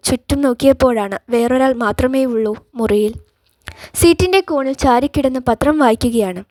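A woman narrating a novel as an audiobook in a calm, measured voice. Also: high voice, no room sound.

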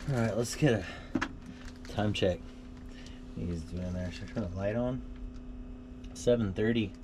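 A middle-aged man films a casual vlog to camera inside a small truck camper at night, chatty and laid-back, laughing easily and using lots of fillers. His voice is lowish, his pace measured, and background noise can be heard.

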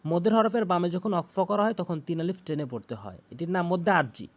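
A man teaching Quran pronunciation, chanting each word slowly and drawn out, then explaining the sounds in plain speech. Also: high voice, sing-song. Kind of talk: tutorial on Arabic pronunciation.

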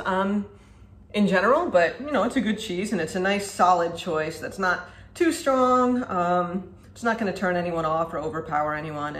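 With a lowish voice, a thirtysomething woman vlogs about food, chatting cheerfully while demonstrating in her home kitchen as a casual product review. A camera at a distance records her at the counter. There's a little hiss or hum, plus echo and faint ambience.

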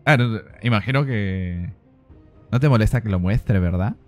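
A man streaming a game in casual chat, excitable, laughing often and repeating phrases. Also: on the low side, moderate pace, faint music behind.

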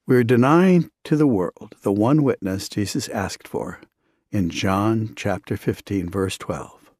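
A man's voice: lowish voice, takes it slowly, darkish tone, dry recording, clean studio sound. A man giving an earnest sermon, telling stories in a conversational way. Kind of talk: sermon with storytelling.

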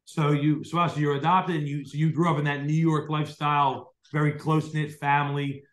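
Talking into a large desk mic on a video call, a young man hosts a casual podcast interview in a dim home room at night. His South Jersey-accented voice is a little high, steady, and fairly quick, with echo from the room. He rambles, restarting often and leaning on fillers.

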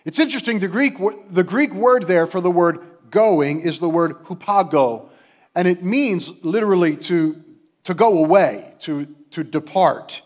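A middle-aged pastor preaches in a notably high voice for a man. He is earnest and unhurried, slowing down to let key words land. The delivery is a steady sermon to a congregation. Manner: earnest preaching with slow dramatic pauses.

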